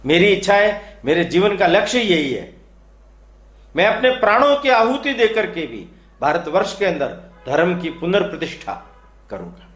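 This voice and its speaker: A young ascetic sage states his vow with earnest determination, as a man tells the story. His voice is fairly high and moves up and down a lot. It echoes in a roomy space.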